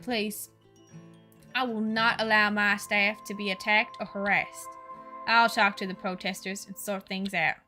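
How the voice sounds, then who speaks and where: A woman voicing a gruff senior male doctor in a put-on Texas accent, lecturing slowly and sternly. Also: mid-range voice, bright, forceful tone, natural voice.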